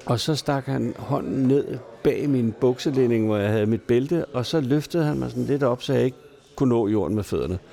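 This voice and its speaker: A man's voice: mid-range voice, vocal fry, mellow. A man casually telling old pub anecdotes, chuckling now and then and speaking in a salty, colloquial way, recorded in a neighbourhood pub. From Denmark. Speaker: storyteller.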